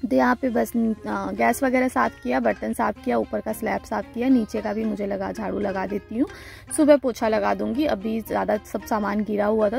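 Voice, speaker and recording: A woman's voice: medium pitch, vocal fry, a little mellow. A woman from India talking casually over her home vlog, explaining each step in a chatty way. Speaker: vlogger.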